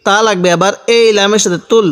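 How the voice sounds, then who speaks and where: Faint music plays behind a man whose high-pitched, steady and somewhat bright voice moves at a quick pace through a spelling-out Quran lesson. He explains each rule methodically, repeats every syllable and recites in a slow chant, all within long hall reverb.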